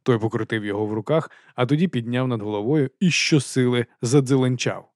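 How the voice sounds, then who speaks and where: A man's voice: mid-range voice, fairly quick, darkish tone, no room sound. Male audiobook narrator, dry close voice. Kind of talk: scripted narration.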